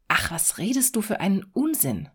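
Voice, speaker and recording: A woman's voice: medium pitch, big pitch swings, normal speed, a bit bright, breathy edge. A woman voicing a poor, modest fisherman in a fairy-tale reading, in a plain, sensible tone. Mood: plain, hopeful.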